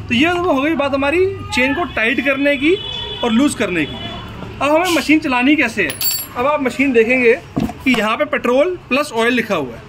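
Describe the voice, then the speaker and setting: A man's voice: extremely high pitch, background noise. A young man explaining step by step how to set up and start a machine, talking to viewers. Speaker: product demonstrator. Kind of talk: hands-on product demonstration.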